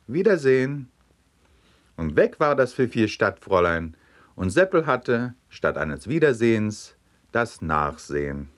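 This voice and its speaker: A man narrating a series of scripted humorous anecdotes in a lively, animated reading. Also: on the low side, measured pace. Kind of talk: scripted storytelling of jokes.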